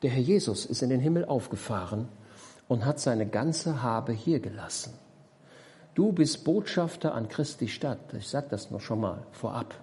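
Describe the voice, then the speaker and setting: A male preacher delivers a sermon in church, walking his listeners through a parable. He keeps asking them questions and repeats his main points with emphasis. His voice sits at an average pitch for a man. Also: expressive, normal speed, darkish tone. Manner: explains with questions to the congregation; emphatic, repeats key phrases.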